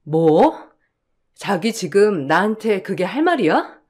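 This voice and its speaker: A woman's voice: medium pitch, sing-song, takes it slowly, darkish tone, breathy edge, heavily acted. A woman playing a hurt young wife who protests emotionally in a radio drama. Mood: indignant.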